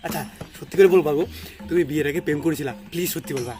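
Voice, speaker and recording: A woman's voice: low voice, mellow, natural voice. A woman voicing a playful, jealous young husband in a comic couple skit. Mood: teasing. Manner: playful, teasing, quick to tease back. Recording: music playing behind.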